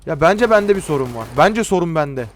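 A man's voice: a little high, expressive, normal speed. A young man with a Turkish accent commentating his own gameplay for his channel viewers, exasperated and swearing at the game. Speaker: gaming YouTuber.

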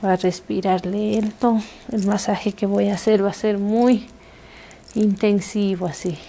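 A young woman narrating an ASMR massage in a hushed, intimate, soothing voice that is close to a whisper. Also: medium pitch, steady tone, unhurried, vocal fry, a little hiss or hum. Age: young adult. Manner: hushed, intimate, soothing soft-spoken delivery, dropping into whispers. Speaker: massage practitioner. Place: small living room, indoors.

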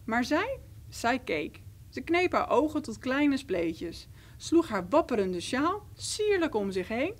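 A woman reading a romantic children's fairy tale aloud, expressive and rhythmic. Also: sits high, slow pace. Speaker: storyteller. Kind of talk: children's story read aloud.

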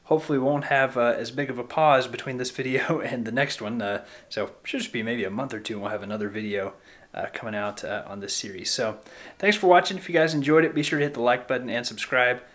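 A man in his thirties casually walking viewers through a bedroom project, relaxed and chatty with many fillers, filmed on a handheld camera in a small carpeted room. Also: medium pitch, fast talker. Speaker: home renovation vlogger. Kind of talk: casual walkthrough talking to camera. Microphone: handheld camera at arm's length.

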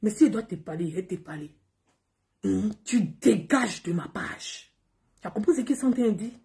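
A woman's voice: mid-range voice, expressive, normal speed, gravelly, warm tone. A woman, talking straight to her followers in a scolding, confrontational rant and often repeating herself. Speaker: social media personality. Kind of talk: angry direct-to-camera rant.

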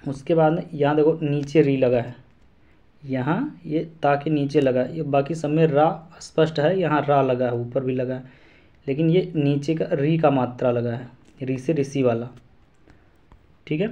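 A man's voice: fairly high pitch, fairly even intonation, measured pace, dark tone, dull audio. A man teaching an exam-prep lesson, repeating syllables and memory rhymes aloud to drill them in.

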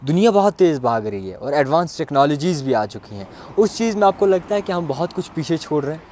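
A man's voice: fairly high pitch, very animated, quick pace, a little mellow, slight background noise. A young man interviewing a guest outdoors, asking formal, courteous questions and offering encouraging remarks.

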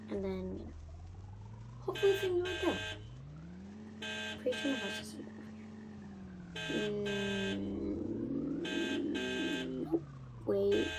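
A young woman giving casual game commentary, excitable and jumpy, swinging from nervous mumbles to loud surprised outbursts. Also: on the high side, background noise. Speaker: gaming channel host.

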